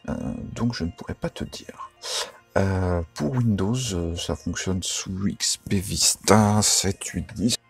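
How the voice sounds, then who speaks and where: A man's voice: sits low, slow pace, creaky, breathy edge, soft background music. A man giving a casual, informal how-to tutorial, chatty and full of fillers and self-corrections. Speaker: radio tutorial maker.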